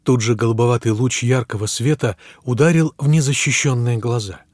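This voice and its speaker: A man reading a science fiction audiobook in measured scripted narration, with phrase ends that drop low, on a close studio mic. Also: dry recording.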